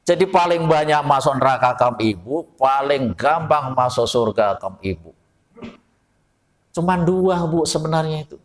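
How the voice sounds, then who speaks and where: Javanese preacher in a reverberant mosque. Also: male voice, on the high side, animated, moderate pace. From Java. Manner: folksy, asks the audience questions. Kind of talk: mosque study sermon. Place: mosque hall.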